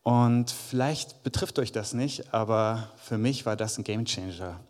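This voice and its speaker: Long hall reverb surrounds this man's lowish, darkish voice as he preaches a little slowly in a church hall. His conversational sermon to the congregation includes Bible verses read aloud.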